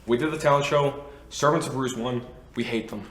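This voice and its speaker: A young man in a band, telling excited stories in casual chat, voice jumping loud and high when he jokes. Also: a little fast. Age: young adult. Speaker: band member, guest. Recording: roomy with faint noise.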